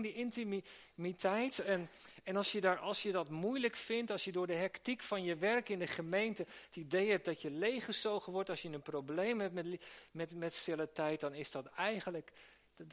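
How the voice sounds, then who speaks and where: Earnest high-voiced preacher. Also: male voice, a bit bright. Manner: earnest, with restarts and rhetorical questions. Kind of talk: sermon to church workers. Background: live audience he addresses.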